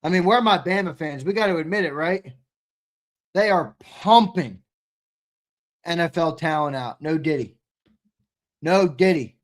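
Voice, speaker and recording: A man's voice: fairly high pitch, animated, normal speed, long pauses. Frat-bro guy live-streaming sports reactions. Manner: frat-bro slang, calls viewers dude and man; repeats phrases for emphasis. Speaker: livestream host. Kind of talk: live draft reaction commentary, casual chat with viewers.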